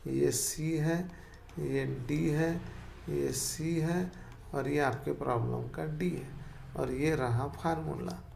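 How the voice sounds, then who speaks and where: A man teaches math in a slow, unhurried way, patiently going over each step again and again. His voice is strongly gravelly and sits a little high for a man. A faint hiss of noise runs under the recording. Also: steady tone, darkish tone. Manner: patient, repeats each step, checks if students follow. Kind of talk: explaining a math lesson step by step.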